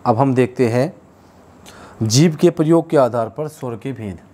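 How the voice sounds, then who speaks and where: A male teacher works through a class at a patient pace, saying each key term again and again and stopping to fix his own slips. His pitch sits in a plain middle range. A faint hiss runs under the recording. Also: a little slow, warm tone. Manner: explains step by step, repeats key terms, stops to correct himself. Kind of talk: classroom lesson.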